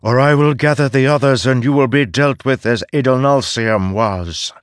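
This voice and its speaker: A man voicing a stern, measured female dragon goddess who speaks gravely. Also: mid-range voice, no room sound, voice pushed up, lightly acted. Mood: threatening.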